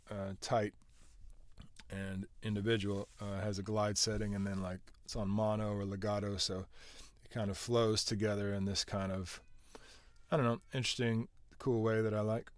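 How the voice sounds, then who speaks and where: A man's voice: on the low side, clean tone, no room sound. A man casually walking through how he produced a song, rambling with lots of filler words and restarts. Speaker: music producer.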